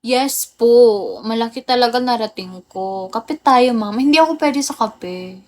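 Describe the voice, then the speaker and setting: A woman's voice: on the high side, unhurried. A young woman hosting a casual livestream, chatting with viewers, greeting them by name and laughing often. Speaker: livestream host. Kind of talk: casual live chat with viewers.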